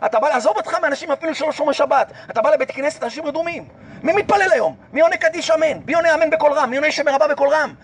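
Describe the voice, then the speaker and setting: High-voiced impassioned rabbi preaching. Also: male voice, recorded from a distance, a little hiss or hum. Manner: impassioned, repetitive exhortation with rhetorical questions. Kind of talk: Torah sermon.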